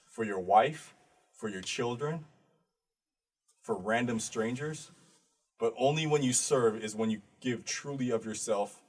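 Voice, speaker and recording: A man's voice: medium pitch, measured pace, pauses often, darkish tone. A man giving an earnest, preachy motivational monologue straight to the listener, blunt and tired by the end. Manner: earnest, preachy, direct address with blunt swearing. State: tired, voice fading to quiet. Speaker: artist giving a motivational talk.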